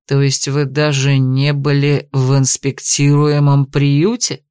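Audiobook casting: a woman doing a cold, growling male investigator, low voice, dry sound. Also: moderate pace, no room sound, close to an everyday voice. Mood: stern menacing. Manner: growling, commanding.

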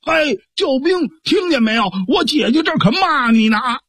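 A storyteller voicing a rowdy, boastful young man who taunts his sister in a pitched-up voice. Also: very animated, fairly quick, husky, dry recording, studio quality. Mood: taunting. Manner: taunting, cocky shouting.

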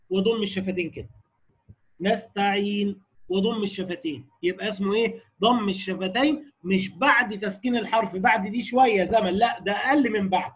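Husky high-voiced Egyptian man teaching. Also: a bit bright. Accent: Egyptian Arabic. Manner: explains, quotes texts, then asks students checking questions. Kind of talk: classroom lecture on Quran recitation rules.

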